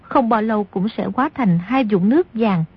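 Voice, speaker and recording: A woman reading scripted narration as an audiobook narrator, telling the story at a steady pace, in a slightly dull recording. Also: mid-range voice, normal speed, husky.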